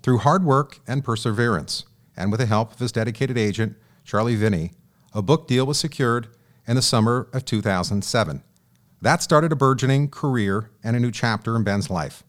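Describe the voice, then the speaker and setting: A man's voice: mid-range voice, normal speed. A man hosting an interview podcast, reading an introduction and asking questions with frequent repeated words. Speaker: podcast host.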